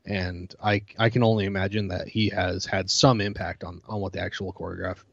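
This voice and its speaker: Lower-voiced man, dull lo-fi podcast sound. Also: level tone, brisk, vocal fry, fairly bright tone, no echo. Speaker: podcast co-host. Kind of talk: casual chat.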